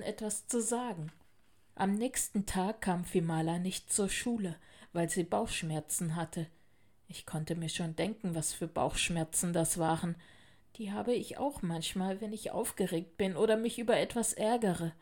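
A woman narrating a children's storybook in a clear, even storytelling manner. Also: fairly low pitch.

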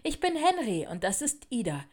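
A woman's voice: fairly high pitch, sing-song, moderate pace, pitched above the performer's own voice. A woman voicing a kind, eager young schoolboy in a storybook reading. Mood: friendly.

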